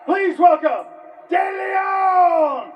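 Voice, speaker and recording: Booming man announcing fighters in an arena. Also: recorded from a distance, dull audio, over a noisy crowd, very noisy. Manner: booming, drawn-out shouted names. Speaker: ring announcer. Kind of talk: fight introductions. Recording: echoey arena PA from afar.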